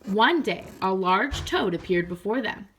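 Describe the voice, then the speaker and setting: A woman speaking as a teacher in an expressive read-aloud style meant for children. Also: mid-range voice, measured pace, slight background noise, low-quality recording. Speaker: teacher reading aloud to pupils.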